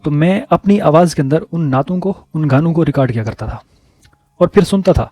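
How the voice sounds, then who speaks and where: Man, casual vlog storytelling, slightly high voice, mellow tone, dry close sound. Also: dry recording. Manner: relaxed, repeating words for emphasis. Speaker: vlogger.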